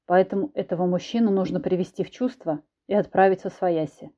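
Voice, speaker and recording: Woman doing a gruff man who was a cat. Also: lowish voice, fairly quick, dark tone, natural voice. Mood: stern. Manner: curt, commanding.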